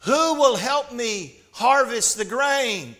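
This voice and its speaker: A woman's voice: mid-range voice, lively intonation, slow. A man voicing a hardworking little hen in a storybook fable told in a sermon, keeping close to his own voice. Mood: plain. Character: hardworking little hen, patient and plain-spoken.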